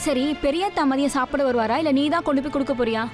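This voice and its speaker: An actress playing a sympathetic young woman and close confidante in a Tamil Nadu Tamil television serial, talking quickly. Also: high-pitched, natural voice. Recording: faint music score behind.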